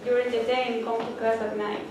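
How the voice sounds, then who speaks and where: A woman's voice: a little high, flat delivery, fairly quick, a little mellow. A woman with a non-native English accent giving an earnest, encouraging speech to fellow students in a library event room. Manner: earnest, encouraging, addresses audience directly. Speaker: student speaker. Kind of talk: inspirational speech. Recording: very echoey room from far off.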